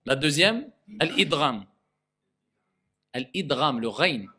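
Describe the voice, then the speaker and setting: A man with a somewhat high voice teaches Quran recitation. He checks in constantly with his listeners and says each Arabic word slowly, again and again, as a drill. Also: animated, fairly bright tone. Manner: repeats Arabic words slowly to drill pronunciation; checks in with frequent "d'accord?" and "ok?". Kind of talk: tajwid lesson.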